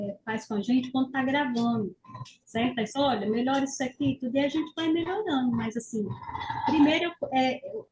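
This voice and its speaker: A woman's voice: sits high, a little mellow, rough recording. Hesitant woman student, faint room noise. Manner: rambling, hesitant, many restarts. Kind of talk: casual chat in online class.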